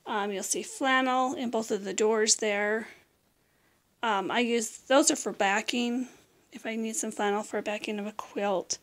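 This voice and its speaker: Middle aged american lady, kinda high voice but hoarse n raspy, half losing it to a whisper, just chatting thru a room tour. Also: steady tone, measured pace. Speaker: vlog host. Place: small room at home, indoors.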